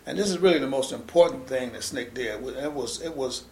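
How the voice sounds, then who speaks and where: Older man, oral history interview, rapid delivery, emphatic, many restarts, echoey room. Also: medium pitch, darkish tone. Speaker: interviewee, former civil rights organizer. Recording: roomy echo.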